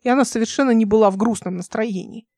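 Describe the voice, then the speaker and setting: A woman's voice: fairly high pitch, quick pace, mellow, no room sound, clean studio sound, close to an everyday voice. A woman reading an audiobook voices a young male captain who speaks in a clipped, insistent way. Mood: tense.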